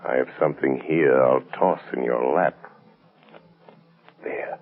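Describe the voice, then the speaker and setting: An actor playing a mysterious, menacing avenger in a slow, sinister, theatrical old radio drama style. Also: male voice, extremely low pitch. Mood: taunting, ominous. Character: The Shadow, mysterious menacing male avenger, taunting and ominous. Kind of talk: 1930s-40s radio drama acting. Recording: old dull radio recording with music.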